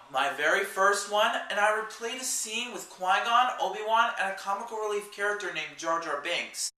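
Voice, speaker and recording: In a casual movie review vlog, a man chats and rambles, drifting off into side remarks. His voice is high, pushed and bright. The mic sits at a distance in a room with a roomy echo.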